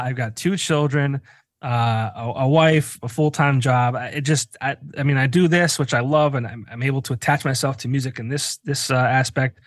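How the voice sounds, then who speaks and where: Recorded dry at studio quality, a mid-range male podcast host chats casually. He's in his forties, hails from northeastern Pennsylvania, and tells animated, self-deprecating stories while swearing freely.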